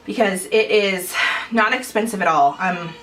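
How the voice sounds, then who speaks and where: A woman's voice: mid-range voice, moderate pace, fairly bright tone, slight background noise, poor audio. A young adult woman vlogging at home in casual chat to camera, chatty and rambling with frequent small laughs.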